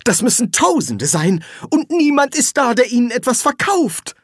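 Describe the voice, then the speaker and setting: A man's voice: very high-pitched, big pitch swings, normal speed, husky, no room sound, clean studio sound, pitched above the performer's own voice, heavily acted. A man reading an audiobook, voicing a greedy male street trader who whines and sighs. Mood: whining. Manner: whining, sighing.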